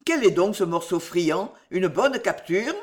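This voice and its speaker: Storybook fox, read by the narrator: sly, flattering, coaxing, animated delivery. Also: medium pitch, a little slow, lightly acted. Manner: coaxing, wheedling.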